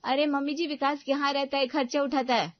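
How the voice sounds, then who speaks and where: A woman voicing a bossy, sharp-tongued young daughter-in-law who talks in a scornful, demanding way in a cartoon story. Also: high voice, little pitch movement, brisk, muffled recording, pitched above the performer's own voice, lightly acted. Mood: dismissive.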